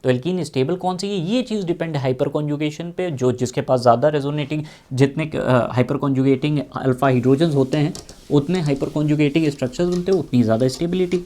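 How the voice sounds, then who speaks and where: Mellow-voiced male chemistry teacher. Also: a little high. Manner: repeats key questions, drawls out terms while writing. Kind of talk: explaining chemistry at a whiteboard.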